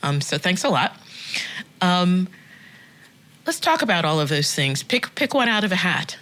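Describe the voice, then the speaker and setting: A woman's voice: on the low side, very animated, a little slow, a bit bright. A woman hosting a podcast interview, friendly and enthusiastic as she welcomes her guest. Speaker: podcast host. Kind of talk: conversational interview.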